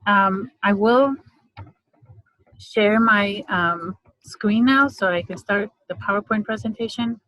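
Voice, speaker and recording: A middle-aged woman from Romania, an English lecturer giving an online presentation in a measured way, pausing often with fillers. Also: mid-range voice, a bit bright, dry recording, poor audio. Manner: measured, hesitant with frequent fillers.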